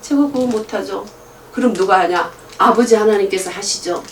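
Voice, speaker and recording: A woman's voice: medium pitch, normal speed, a little hiss or hum. A middle-aged woman preaching a sermon, telling stories and acting out both sides of conversations, laughing often. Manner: animated, acts out dialogue in different voices, laughs often. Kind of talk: sermon with storytelling. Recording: echoey room picked up from a distance.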